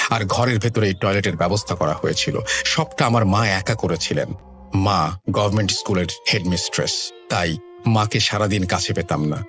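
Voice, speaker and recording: A man narrates a horror story in the first person, measured and somber. His voice sits very low. Soft music plays faintly under the reading.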